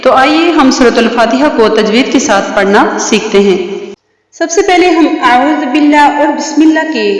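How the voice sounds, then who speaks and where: Woman w teaching recitation, high voice, big reverby room, slow chanted bits. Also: lively intonation. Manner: explains steadily, then recites phrases slowly with long drawn-out vowels. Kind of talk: recitation lesson.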